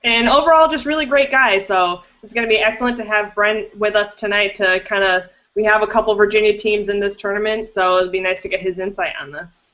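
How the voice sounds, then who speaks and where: A woman's voice: mid-range voice, fairly even intonation, fairly quick, few pauses, bright, forceful tone. A woman hosting a live podcast over a video call, giving upbeat, chatty introductions of her guests. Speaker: podcast host and director. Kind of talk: casual live-stream chat. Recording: dull lo-fi call audio.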